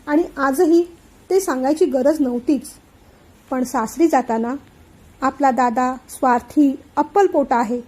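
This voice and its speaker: An emotional young elder brother pours out his feelings in an earnest, heartfelt way, as a woman reads his part. The voice sits high but mellow. It is a storybook reading. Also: lightly acted.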